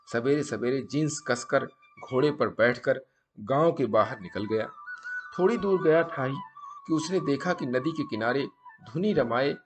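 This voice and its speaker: A man from India hosting his channel and narrating a motivational story with measured, earnest emphasis. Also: mid-range voice.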